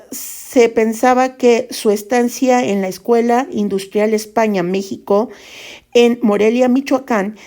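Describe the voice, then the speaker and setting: A woman presenting a lesson in a measured explanatory tone, using fillers such as "este" and "pues.". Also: mid-range voice, warm tone.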